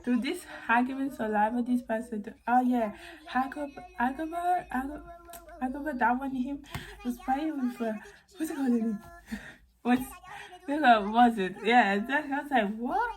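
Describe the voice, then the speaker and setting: A woman's voice: high voice, moderate pace, low-quality recording. A young woman from Italy in a casual opinion vlog, chatty and rambling with many restarts. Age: young adult. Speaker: vlogger. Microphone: phone mic.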